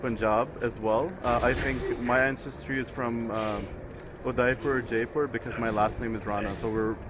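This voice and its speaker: Guest-commentating on a fighting game stream, a young man from the United States talks loosely with chat, full of fillers and frequent laughter. His medium-pitched voice holds a steady tone at a normal speed. Background noise can be heard.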